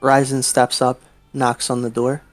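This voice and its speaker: A man playing a tabletop game, chatting casually as he describes his actions and haltingly thinks out loud. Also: medium pitch, flat delivery, no room sound, soft background music.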